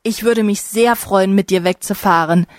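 A woman voicing a friendly, eager young man in a slow storybook reading. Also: mid-range voice, no echo, clean studio sound, close to an everyday voice.

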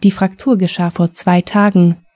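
A calm male surgeon, read by a woman who explains things in a measured way. The voice is mellow and dry. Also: on the low side, no room sound, natural voice.

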